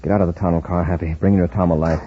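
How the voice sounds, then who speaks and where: A man's voice: sits low, flat delivery, fast talker, natural voice. An American man playing a brave, authoritative space patrol commander who gives clipped orders in a 1950s radio serial. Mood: steady, commanding. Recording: muffled, noisy 1950s radio recording.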